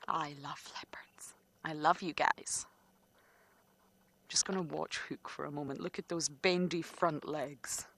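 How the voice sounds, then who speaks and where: A woman's voice: sits low, fairly even intonation, measured pace, husky. Whispering woman watching wildlife. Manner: hushed whispering while watching an animal close by. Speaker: safari guide and live wildlife presenter. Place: outdoors in a safari vehicle. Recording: faint outdoor background noise.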